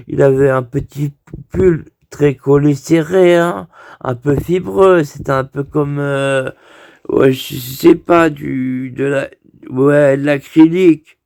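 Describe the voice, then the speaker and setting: A man with a somewhat high, gravelly voice telling a crude comic story. He rambles and stumbles through restarts and fillers. The sound is close and dry. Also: a little mellow, dry recording. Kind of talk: improvised crude comic monologue.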